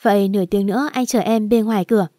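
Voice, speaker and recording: A woman's voice: mid-range voice, steady tone, fast talker, mellow, dry recording, studio quality, close to an everyday voice. A woman voicing an elegant, reserved young man of few words. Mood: tender.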